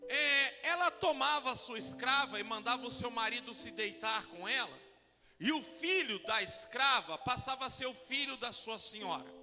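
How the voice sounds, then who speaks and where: A man in his forties, a pastor preaching a sermon, halting with fillers and restarts and acting out quoted lines. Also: very high voice, expressive, pushed and bright, long reverb tail, soft background music. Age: 40s.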